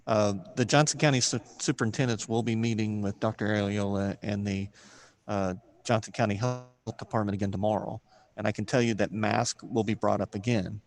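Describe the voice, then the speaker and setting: Male school official, lowish voice, giving measured, diplomatic answers at a public board meeting.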